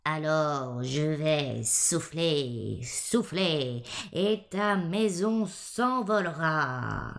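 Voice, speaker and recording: A woman voicing a sly, hungry male wolf in a bedtime story, with a slow, menacing drawl. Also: low-pitched, expressive, creaky, exaggerated voice.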